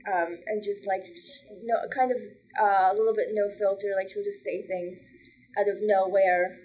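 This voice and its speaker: A woman's voice: mid-range voice, fairly even intonation, moderate pace, a little mellow, rough recording. Chatty woman comedian with filler words. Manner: chatty, frequent "like" fillers, laughs often. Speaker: stand-up comedian, podcast guest. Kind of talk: casual podcast chat.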